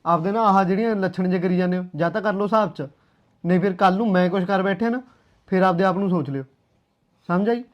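A man's voice: high-pitched, fast, lo-fi sound, lightly acted. An actor playing an angry grown son who argues bitterly with his mother in a short film drama. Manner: bitter, confrontational.

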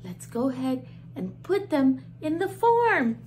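A woman in her thirties talks to toddlers in a high voice at a slow pace, full of exaggerated gasps and questions. The video is filmed close up in a small room, with a little hiss or hum.

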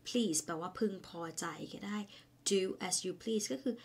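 A woman gives an online English lesson at an unhurried pace, with a voice of ordinary middle pitch. She is chatty and friendly and ends her sentences with soft, polite words. She repeats each English phrase several times so learners can follow. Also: breathy edge. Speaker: English teacher.

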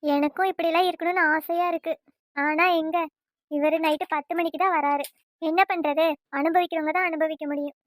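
A woman's voice: very high-pitched, steady tone, fairly quick, no echo. A woman doing a wistful, resigned housewife. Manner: sighing, envious, resigned. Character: wistful neglected elder sister-in-law. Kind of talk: cartoon voice acting.

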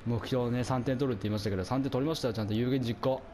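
A man doing casual commentary over a football video game, chatting to his viewers and reacting out loud to the plays, his voice getting hoarse. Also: medium pitch, rapid-fire, a crowd in the background. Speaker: gameplay commentator.

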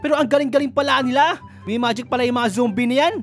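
A woman's voice: high voice, quick pace, soft background music. A woman giving playful gaming commentary, joking and giggling as she talks to the characters on screen. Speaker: gaming YouTuber.

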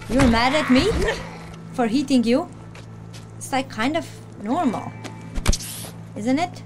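A woman streamer giving casual let's-play reaction commentary, excitable and quick to swear and talk back to the enemies on screen. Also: high voice. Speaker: gaming streamer. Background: game music.

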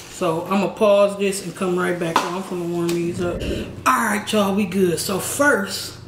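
A woman's voice: lowish voice, background noise. Slangy young woman in an echoey room. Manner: slangy, chatty, talks between bites. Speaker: mukbang vlogger. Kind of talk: casual eating vlog chat. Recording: roomy echo.

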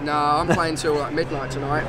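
A man, a musician, chatting in a relaxed, joking way outdoors at a festival. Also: fairly high pitch, moderate pace. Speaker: musician and YouTuber guest. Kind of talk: casual chat. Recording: music and crowd behind.

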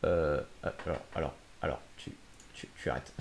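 A man's voice: very deep voice, fairly even intonation, normal speed, creaky. A man, giving casual commentary on a gaming livestream. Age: 20s. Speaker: game streamer. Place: small room at home. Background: music.

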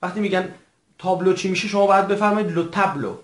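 A man teaching a recorded language lesson in a formal, patient way, repeating each word slowly for his learners. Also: high voice, steady tone. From Iran. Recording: echoey room.

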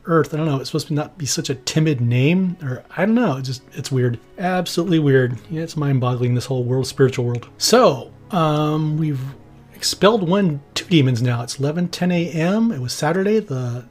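A man's voice: fairly high pitch, expressive, moderate pace, a little mellow, faint music behind. A man hosting a podcast, reading an account aloud with wry, joking asides. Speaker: podcast host.

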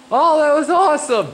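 A man's voice: high-pitched, fairly bright tone, slight background noise. A man filming in a metal workshop, reacting to the demonstration with short, enthusiastic remarks and questions. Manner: enthusiastic, quick to laugh. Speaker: camera operator and interviewer. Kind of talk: casual reactive chat.

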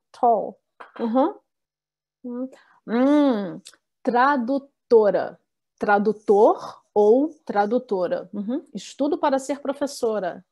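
Slow-speaking woman language teacher. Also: a little high, dark tone. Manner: slow, clear, repeats words and reads out participants' answers. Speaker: Portuguese teacher. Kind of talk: online beginner language class.

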